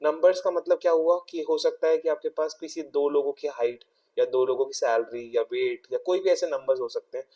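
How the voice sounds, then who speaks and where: A man's voice: on the high side, a little fast, mellow, recorded from a distance. A young Indian man teaching a maths exam-prep lesson, explaining step by step and often checking in with his students.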